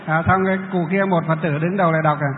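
High-voiced monk in an echoey hall. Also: male voice, steady tone, fast, slight background noise. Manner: explains patiently, breaks into chanting demonstrations. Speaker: Buddhist monk teacher. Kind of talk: dharma talk with questions from the audience. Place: large lecture hall. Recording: tinny, echoey hall recording.

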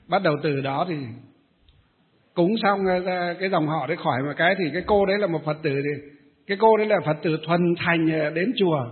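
A male Buddhist monk giving a dharma talk and telling a story with many hesitant fillers. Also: high voice. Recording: tinny phone-like sound.

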